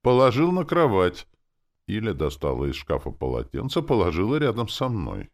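A man reading a first-person audiobook with an expressive, wry delivery. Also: fairly low pitch, moderate pace. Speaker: audiobook narrator.

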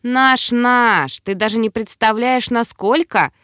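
A woman's voice: fairly high pitch, slow, fairly bright tone, no echo, studio quality. A woman voicing a small, sly male demonic keeper who teases and gloats in a lecherous, wheedling way for an audiobook. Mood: gleeful. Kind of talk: audiobook character voice.

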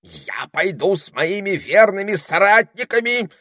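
Screechy fussy ermine duke, loud and dramatic, audiobook voice. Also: male voice, high voice, sing-song, measured pace, no echo, clean studio sound, pitched above the performer's own voice, exaggerated voice. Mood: gushing. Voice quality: piercing squeal, shouting. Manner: theatrical, self-important. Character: shrill fussy male ermine duke, pompous and blustering. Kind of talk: audiobook character voice.

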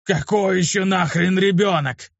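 A man's voice: mid-range voice, normal speed, no echo, pitched above the performer's own voice, natural voice. Brief: male reader as a blunt, barking tough guy, raised voice, lo-fi and dry. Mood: shouting. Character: gruff adult man, irritable slum teacher. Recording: dull lo-fi dry recording.

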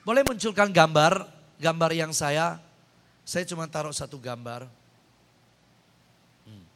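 A man preaching a sermon, telling stories animatedly with sudden high-pitched exclamations into a handheld microphone. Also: measured pace, fairly bright tone. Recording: long hall reverb.

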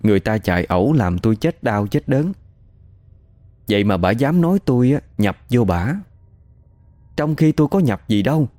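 A man's voice: mid-range voice, lively intonation, moderate pace, long pauses, warm tone, no room sound, lightly acted. A man voicing the spirit of a young woman killed in a crash, accusing and indignant.

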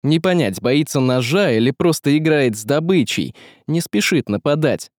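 A man narrating a fantasy story in measured, dramatic storytelling. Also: a little high, expressive, a little mellow, no room sound, studio quality. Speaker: audiobook narrator. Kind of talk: scripted narration.

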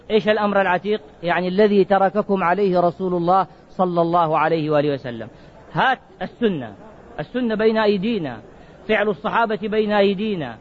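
A man preaching with a high voice, on a muffled, lo-fi recording. He keeps asking his listeners questions and answers them himself. He slows down hard and stretches out the words he wants to stress. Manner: questioning, drawn-out emphasis on key words. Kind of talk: sermon.

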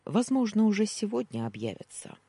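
A man voicing a blunt, gruff male friend who scolds curtly in an audiobook. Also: sits high, sing-song, fairly quick, mellow, dry recording, voice pushed up, exaggerated voice. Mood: scolding. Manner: curt, scolding.

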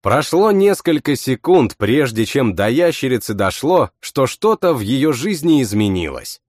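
Lively male audiobook narrator, dry sound. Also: mid-range voice, measured pace, dry recording. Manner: expressive, voices every character himself. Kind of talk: first-person fantasy audiobook narration.

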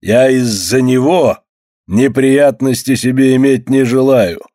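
A man voicing a rough, bullying middle-aged barge owner who talks loudly and threateningly. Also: lowish voice, a little slow, dry recording, studio quality. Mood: contemptuous. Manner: coarse, threatening, loud.

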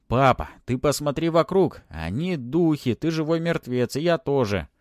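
A brazen young man talking his way out of trouble, as a male reader puts him on in a storybook. He sounds cheeky and quick with lively swings of pitch. The sound is dry and close. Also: no echo. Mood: brazen bluffing. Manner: brazen and bluffing.

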